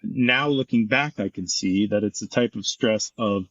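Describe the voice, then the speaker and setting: A man's voice: lowish voice, normal speed, fairly bright tone, no room sound, lo-fi sound. A middle-aged man, a former firefighter and paramedic, telling his story frankly and intensely in an interview, swearing freely.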